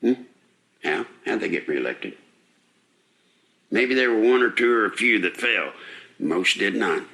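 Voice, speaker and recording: A man's voice: fairly low pitch, lively intonation, measured pace, vocal fry, long pauses, bright, forceful tone. An older man hosting a live talk radio show, out of breath, rambling folksy and indignant with rhetorical questions. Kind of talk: live call-in radio commentary.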